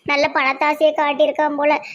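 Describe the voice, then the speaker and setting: A woman voicing an anxious young female college student in a cartoon, soft and tearful, with a Tirunelveli Tamil accent. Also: sits high, completely flat delivery, fairly quick, lo-fi sound, natural voice. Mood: despairing. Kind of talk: cartoon voice acting.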